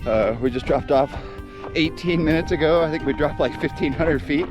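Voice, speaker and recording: A man's voice: fairly high pitch, normal speed, muffled recording, music in the background. A man talking casually to his vlog viewers while jogging outdoors on a mountain trail. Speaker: outdoor adventure vlogger.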